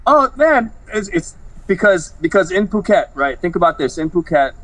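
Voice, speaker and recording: A man's voice: high voice, very animated, normal speed, a loud crowd, rough recording. A man, a fighter, chatting casually in an interview in a laid-back, rambling way full of slang and fillers.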